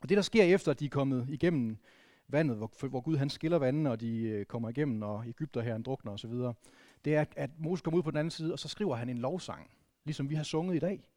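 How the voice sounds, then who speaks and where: A pastor from Vendsyssel in northern Denmark preaches conversationally, often restarting sentences and tossing questions to the congregation. His mid-range male voice is mellow, captured with clean studio sound and no room ambience.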